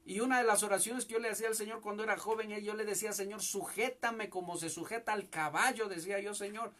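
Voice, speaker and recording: High-voiced young man preaching fervently. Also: fairly even intonation, quick pace, a bit bright. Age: young adult. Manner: fervent preaching, repeatedly addressing listeners as brother. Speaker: pastor. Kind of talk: sermon. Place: home church service.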